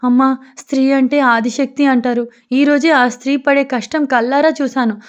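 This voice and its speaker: A woman's voice: high voice, steady tone, moderate pace, smooth, muffled recording, close to an everyday voice. A woman voicing an anxious pleading young husband. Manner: soft and pleading.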